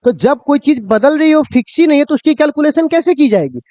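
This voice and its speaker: A man's voice: very high voice, animated, a little fast, a little mellow, dry recording. A man teaching physics to students, asking questions and answering them himself. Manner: addresses students fondly, asks and answers his own questions. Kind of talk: classroom lecture to students.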